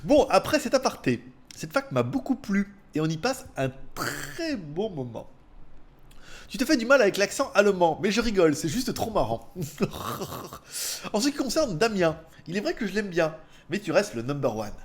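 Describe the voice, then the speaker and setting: A man's voice: high voice, big pitch swings, moderate pace. A man hosting a casual viewer Q&A, rambling and laughing often between answers. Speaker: host answering viewer questions. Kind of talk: casual chat. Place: indoors at home.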